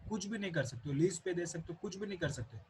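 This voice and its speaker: A man's voice: high voice, expressive, quick pace, a little mellow, a little hiss or hum, low-quality recording. Indian man teaching a law class. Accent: Indian English. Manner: explanatory, repeats key points, mixes English terms into Hindi. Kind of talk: recorded lecture.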